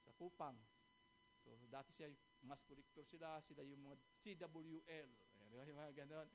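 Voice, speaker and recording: A man's voice: on the high side, huge pitch swings, moderate pace, a little hiss or hum. A man preaching a sermon, telling a testimony story and often asking his congregation "amen?" and "di ba?".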